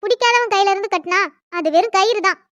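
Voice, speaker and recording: A woman's voice: extremely high pitch, fast, a bit bright, dry recording. A woman voicing a defiant young bride in a cartoon drama, firing back sarcastic retorts.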